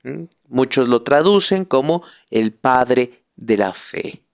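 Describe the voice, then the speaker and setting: Male friar lecturing on catechism, slow deliberate delivery, smooth clear voice, emphatic repetition. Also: medium pitch, animated. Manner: emphatic, repeats phrases, leans on key words.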